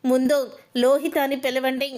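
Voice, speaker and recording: A furious mother hurling accusations in a high voice, read by a woman telling the story. Every line comes out angry and blaming. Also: level tone, normal speed, a little mellow, lightly acted. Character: furious mother confronting her daughter.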